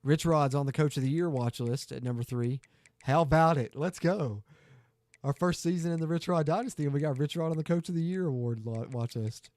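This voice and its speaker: Quick and hardly pausing, a man with a slightly high, warm voice talks to viewers as he streams a football game. His casual commentary is chatty and upbeat, and there is no echo.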